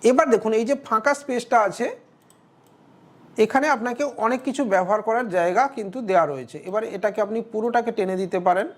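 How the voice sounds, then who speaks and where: Speaking quickly in a slightly high voice, a woman takes viewers through her own screen tutorial step by step. She stays instructive and keeps checking in with "okay?"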